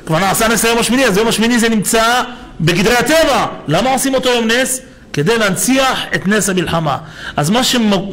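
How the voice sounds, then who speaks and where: Animated high-voiced rabbi preaching. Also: male voice, rough recording. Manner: animated storytelling, rhetorical questions. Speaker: rabbi giving a Torah lesson. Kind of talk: sermon.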